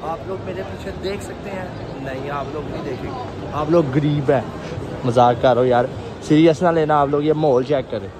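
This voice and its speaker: A chatty young man with a Punjabi accent films himself on a phone at arm's length, teasing his companions and the viewers. His voice sits a bit high, and there is loud crowd chatter and street noise all around. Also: moderate pace. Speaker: vlogger. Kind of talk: casual vlog. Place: busy shopping mall and outdoor promenade. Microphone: phone camera at arm's length.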